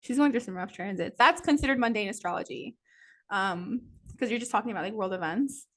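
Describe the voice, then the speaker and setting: Her voice is mid-range and fairly bright, and she talks a little fast. She's an astrology teacher running a chatty, casual class, full of "like" and "um" and regular little laughs.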